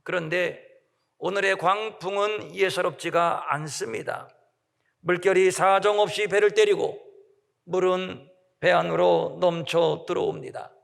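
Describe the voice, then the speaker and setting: A man preaching a measured, emphatic sermon with dramatic pauses, as pastor in a large church sanctuary. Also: sits high, steady tone, gravelly, fairly bright tone. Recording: long hall reverb.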